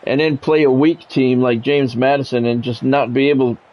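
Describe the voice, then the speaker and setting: This man's voice is medium in pitch, steady in tone and moderately paced, captured with lo-fi sound. He narrates a football video game play by play for his live stream, slipping into casual, plain-spoken grumbling with chat between calls.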